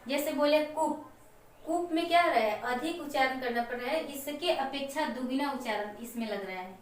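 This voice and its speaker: A woman teacher explaining a Hindi lesson to children slowly and step by step, with example words. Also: high-pitched. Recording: echoey room, mic far off, faint noise.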